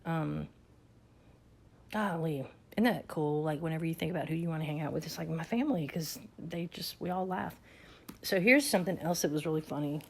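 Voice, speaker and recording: A woman's voice: sits low, fairly quick, creaky. A middle-aged woman telling family stories in a chatty, salty way, laughing as she goes. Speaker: vlogger telling her life story. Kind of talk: casual storytelling.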